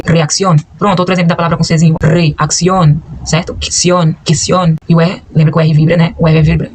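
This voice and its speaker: A man's voice: a little high, darkish tone, a little hiss or hum. A man teaching a language lesson, repeating words to drill pronunciation and often checking in with "certo?". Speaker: Spanish teacher.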